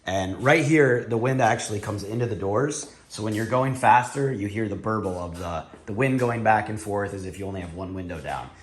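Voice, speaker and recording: A man's voice: lowish voice, normal speed, hardly any pauses. A man casually explaining a car part install step by step as he works, for a time with a lollipop in his mouth. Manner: talking while working with his hands, relaxed and matter-of-fact. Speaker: car owner doing an install video. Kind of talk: casual how-to narration.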